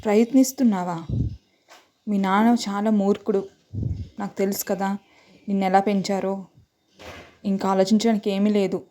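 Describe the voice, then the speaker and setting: A woman's voice: medium pitch, little pitch movement, brisk, dark tone, close to an everyday voice. A woman voicing an anxious, possessive young man who talks in an agitated way. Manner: agitated, pressing.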